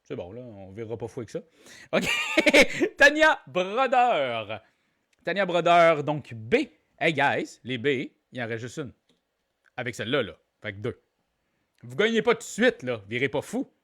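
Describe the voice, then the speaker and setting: A man's voice: medium pitch, sing-song, moderate pace, a bit bright. A man with a Québécois accent hosting a live online trivia game, playful and joking, repeating each question aloud and calling out players. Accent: Québécois French. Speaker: trivia quiz host.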